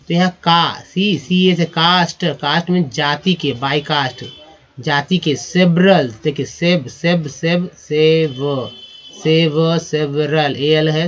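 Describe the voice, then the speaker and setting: Guy w going over english words letter by letter, high voice, kinda muffled lo-fi audio. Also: a bit bright. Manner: spells words letter by letter, repeats pronunciations. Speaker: English teacher. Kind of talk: spelling-out vocabulary lesson. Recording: dull lo-fi recording.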